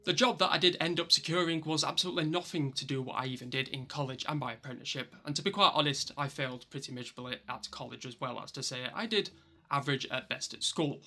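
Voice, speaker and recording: A man's voice: medium pitch, fast, pushed and bright. A man in his thirties with a broad Yorkshire accent narrates a personal vlog to viewers, with wry, self-deprecating asides. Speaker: YouTube vlogger.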